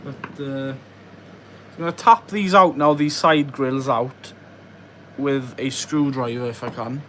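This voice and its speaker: Speaking slowly at medium pitch with fairly even intonation and a fairly bright tone, a young man from West Wales chats on a live stream as slight background noise hums along. He builds a model farm at an indoor bench, reading viewers' questions aloud and muttering while he works.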